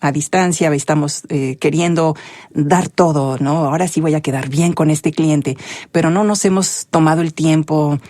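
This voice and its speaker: A woman hosting an interview, talking thoughtfully and pausing to search for the right words. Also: low-pitched, warm tone, no room sound. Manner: thoughtful, searching for words, frequent tag questions. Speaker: podcast host. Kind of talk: interview conversation.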